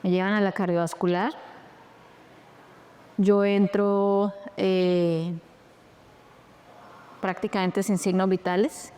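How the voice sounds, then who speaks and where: A Colombian woman recounts her personal history as a podcast guest. Her voice is smooth and resonant, sitting in a middle pitch. She tells it with animation, slipping into the voices of the people in her story. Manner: lively, animated retelling with quoted dialogue. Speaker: interview guest.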